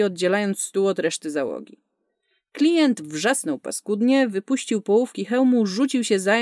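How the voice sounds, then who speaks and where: A woman reads science fiction aloud in a brisk, vivid storytelling manner. Her voice sits at a middle pitch. The recording is dry and close, with no room around it. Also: no echo. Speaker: audiobook narrator. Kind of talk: scripted narration.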